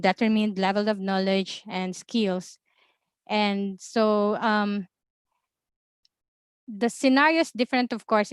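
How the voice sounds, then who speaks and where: A woman from the Philippines, working as an observatory information officer, talks through a webinar in a measured way with frequent ums and uhs. Her Filipino-accented voice sits in the mid range and sounds smooth, with no room sound.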